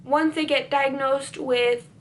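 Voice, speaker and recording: Speaking slowly in a high, steady tone, a teenage beauty vlogger from the US chats through a casual Q&A. Spanish was her first language, and she often says "like" and begins sentences again.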